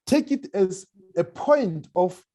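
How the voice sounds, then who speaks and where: A male scholar answering an audience question at an academic seminar, speaking slowly and haltingly with many restarts. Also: high-pitched, lively intonation, dark tone. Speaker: presenting scholar. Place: seminar room.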